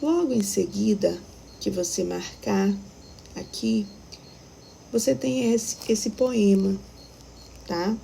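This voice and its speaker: Brazilian teacher with a gravelly voice. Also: female voice, medium pitch, slow pace, long pauses, warm tone, slight background noise, low-quality recording. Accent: Brazilian Portuguese. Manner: patient, explaining step by step with frequent checks like "tá?". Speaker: primary school teacher. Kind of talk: recorded classroom lesson.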